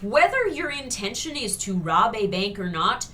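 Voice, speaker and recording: Bright-voiced sarcastic woman reviewer. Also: medium pitch, big pitch swings, moderate pace, distant mic, slight background noise. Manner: chatty, sarcastic, many fillers. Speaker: co-host reviewing a TV episode. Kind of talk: casual critical chat.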